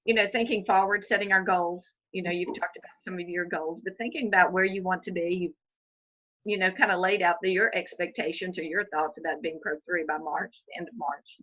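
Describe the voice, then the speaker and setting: A woman team member speaking on a video call, encouraging but halting, with frequent restarts. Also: on the low side, steady tone. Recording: dull lo-fi call audio.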